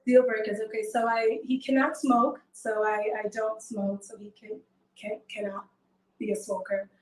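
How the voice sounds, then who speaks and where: Twenties woman from haiti, kinda high voice, soft and hesitant, sounds far off in a roomy space. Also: little pitch movement, moderate pace. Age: 20s. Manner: soft-spoken, hesitant with many fillers. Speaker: show guest seeking a partner. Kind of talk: casual call-in chat.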